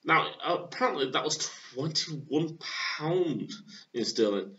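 A man in his thirties from England, casually reviewing a beer at home on a webcam, with plenty of hesitant fillers. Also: a little high. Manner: halting, filler-heavy, relaxed. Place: small room at home. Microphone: webcam at desk. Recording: dull lo-fi webcam audio.

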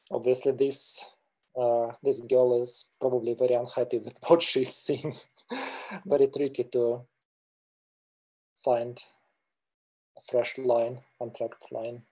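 A middle-aged man from Russia, a mountain guide presenting slides on a webinar over a webcam, speaking hesitantly with many filler pauses. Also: medium pitch, steady tone, dark tone, husky. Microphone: video call webcam.

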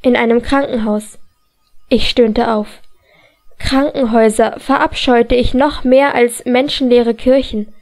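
A woman narrating a novel in the first person as an audiobook reader, calm and measured. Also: on the high side.

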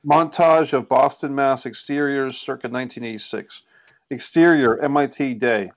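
A man narrates scene headings and stage directions for a screenplay table read held over an indoor group video call. His mid-range voice keeps a moderate pace. The computer or headset microphone leaves the top end clipped.

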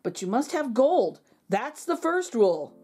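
A woman's voice: a little high, sing-song, unhurried, dark tone, breathy edge, faint music behind, voice pushed up, exaggerated voice. A woman voicing a playful, sly storybook man with a breezy, teasing, mock-innocent manner. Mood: sly, instructive. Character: playful, sly man who outwits goblins. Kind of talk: children's storybook reading.

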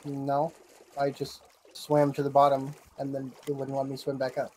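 A woman's voice: a bass voice, monotone, normal speed, darkish tone, slight background noise. A woman playing a game with friends over voice chat, playful and giggly, chatting casually. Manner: playful and giggly, keeps offering gifts. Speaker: Minecraft player on voice chat.

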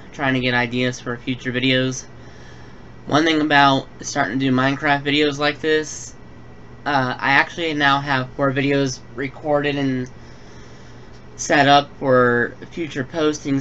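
Sharp in tone and medium in pitch, this young gaming-channel host goes through a build tutorial before moving into a relaxed personal update loaded with fillers. He records from a room in his home on a dull lo-fi setup that carries a faint hiss.

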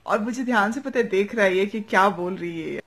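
A young woman with an eastern Uttar Pradesh Hindi accent narrates her evening at home, recorded on a nearby phone or camera. Her delivery is casual and chatty, softly spoken, often ending thoughts with "right?" to draw the viewer in. Her voice sits in a middle range for a woman. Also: medium pitch, fairly quick, slightly rough. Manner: chatty, soft-spoken, fond tag questions. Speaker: vlogger. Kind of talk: casual daily vlog narration. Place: family home, indoors and courtyard.

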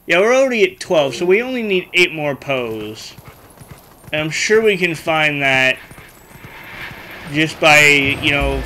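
A chatty man with a slightly high voice talks his way through a video game, rambling and thinking out loud. Clear game music plays under his commentary. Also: rough recording. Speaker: let's play host.

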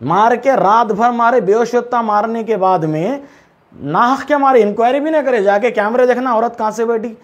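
A man's voice: extremely high pitch, normal speed, highs cut off. A man with a Hyderabadi accent, speaking to the press for a wronged driver, indignant and full of rhetorical questions aimed at officials. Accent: Hyderabadi Urdu. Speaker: local spokesman speaking for the driver. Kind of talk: complaint to the press.

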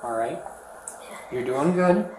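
Female cop, deep voice, patient, reassuring, echoey station room. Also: expressive, takes it slowly, dark tone, slight background noise. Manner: patient, repeats reassurances, tags "okay?". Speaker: police officer. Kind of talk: calming de-escalation talk. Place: police station. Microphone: body camera. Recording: echoey bodycam audio.

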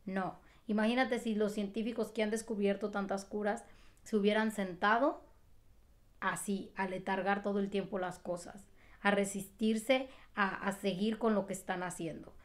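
A woman's voice: mid-range voice, fairly even intonation, moderate pace. Emphatic woman giving a pep talk. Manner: emphatic, repetitive, asks rhetorical questions. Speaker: motivational vlogger. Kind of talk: motivational talk to camera.

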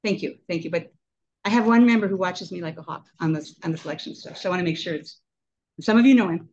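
A sixty-something woman chairs her club's meeting indoors, chatting casually on a handheld mic with laughing asides. Her voice is on the low side, a little mellow, and fast. Captured by a distant webcam, the recording is muffled with slight background noise.

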